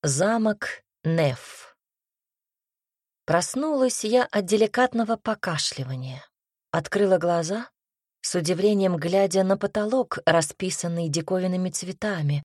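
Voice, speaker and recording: A woman narrating a first-person fantasy audiobook in a measured, wry way. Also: lowish voice, darkish tone, dry recording, clean studio sound. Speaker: audiobook reader.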